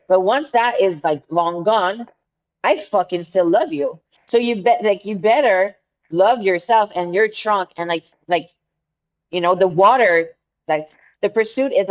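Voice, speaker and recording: A woman's voice: mid-range voice, unhurried, a little mellow, highs cut off. A woman with a French accent, speaking English as a second language, co-hosting a podcast in casual chat, earnest and groping for words. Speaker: podcast co-host.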